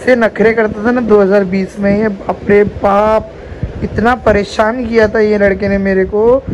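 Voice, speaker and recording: A woman's voice: mid-range voice, fairly even intonation, unhurried, darkish tone, a little hiss or hum, low-quality recording. Teasing, giggly woman with a lilt. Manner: teasing, giggly, talks to viewers. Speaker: vlogger, co-host. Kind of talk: casual home vlog chat. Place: home, indoors.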